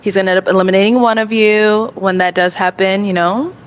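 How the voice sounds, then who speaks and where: A woman's voice: medium pitch, steady tone, a little fast, clear, resonant tone. A woman hosting a dating show, chatty and upbeat as she guides the contestants. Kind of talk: casual hosting.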